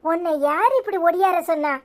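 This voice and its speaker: Woman doing a teary young daughter-in-law, squeaky high and fretful, tirunelveli accent, cartoon. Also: moderate pace, a little mellow. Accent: Tirunelveli Tamil. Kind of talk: cartoon serial voice acting.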